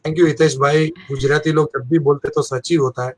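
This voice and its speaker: A man chats casually in a panel conversation. His voice sits a little high, and he tells his stories with a light, self-deprecating humor. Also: fairly even intonation, normal speed. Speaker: event anchor.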